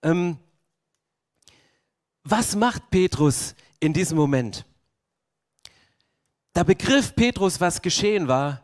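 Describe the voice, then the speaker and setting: A man's voice: high-pitched, takes it slowly, pauses often. A young man preaching a sermon, telling the story vividly and asking the congregation rhetorical questions. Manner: lively storytelling, acts out voices, rhetorical questions. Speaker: pastor.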